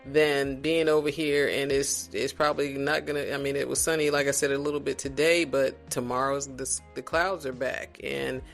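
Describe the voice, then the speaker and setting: A man from South Carolina, a podcast guest in casual conversation, talking in a reflective, unhurried way with many restarts. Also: medium pitch, flat delivery, vocal fry, a bit bright, soft background music.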